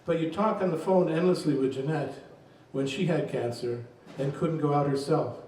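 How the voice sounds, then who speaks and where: A man reading his poems aloud at a reading event, in a slow, measured voice. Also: fairly high pitch, a little mellow. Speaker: poet reading his work. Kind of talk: poetry reading. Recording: very echoey room, distant mic.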